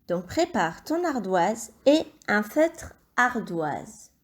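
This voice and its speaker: Slow, clear-spoken woman teacher. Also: medium pitch, very animated. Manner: slow, clear, encouraging, speaks directly to the child. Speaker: primary school teacher. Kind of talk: recorded video lesson for young children.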